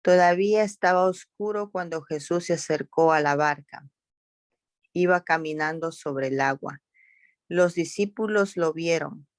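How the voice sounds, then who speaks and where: A woman reading the Bible aloud slowly and carefully, correcting small slips as she goes. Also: low voice, dry recording. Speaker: scripture reader.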